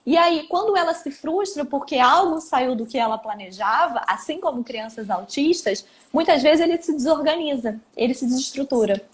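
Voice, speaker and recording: A woman with a high voice talks parents through how to handle a child's tantrums in a live question-and-answer session. She explains things step by step and now and then acts out short lines a parent or child might say. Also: animated, moderate pace, hardly any pauses. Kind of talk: live Q&A talk.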